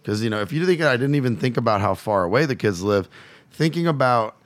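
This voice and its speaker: A man's voice: mid-range voice, expressive, fast, no room sound. A man from Louisiana, a podcast guest who coaches fathers, telling a personal story bluntly and swearing freely. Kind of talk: candid storytelling.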